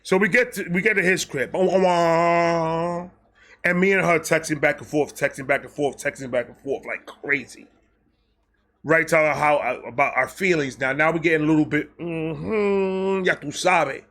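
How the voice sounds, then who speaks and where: A man with a fairly high, bright and forceful voice tells a personal story straight to the camera. He talks in an animated, self-mocking way and swears freely. He often stumbles, restarts and repeats his phrases. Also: moderate pace. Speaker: storytime vlog host.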